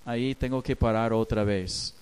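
A man preaching a sermon as pastor, swinging between hushed lines and loud, emphatic ones. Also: mid-range voice, steady tone, normal speed, smooth, rough recording.

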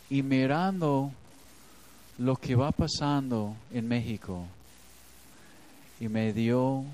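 A man leads a devotional Bible reflection. He speaks slowly and earnestly, in an ordinary middle register. He sounds personal and confessional. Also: mid-range voice, a little mellow, low-quality recording. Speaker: preacher.

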